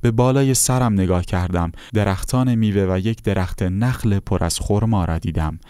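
A man calmly reading a first-person account aloud as narrator. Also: lowish voice, smooth, no room sound, clean studio sound.

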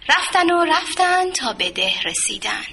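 Bright, lively woman telling a children's story. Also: high voice. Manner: gentle, expressive, sing-song.

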